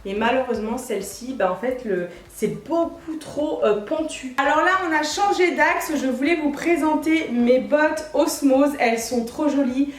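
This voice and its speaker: A woman's voice: sits high, moderate pace, few pauses. A young woman chatting casually to her viewers as a vlogger, bubbly and often laughing. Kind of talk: casual shoe haul chat. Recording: echoey room.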